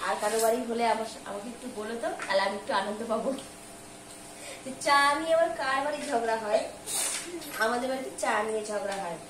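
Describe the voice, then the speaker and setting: A middle-aged woman rambles in a casual home vlog and rushes her words. Her slightly high voice sounds roomy and far from the camera. Household noise runs clearly behind her. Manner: chatty and rambling, admits she talks hurriedly and mixes up words. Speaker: vlogger. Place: home kitchen, cooking on a gas stove. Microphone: camera held by her husband at some distance. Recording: roomy, distant and noisy home recording.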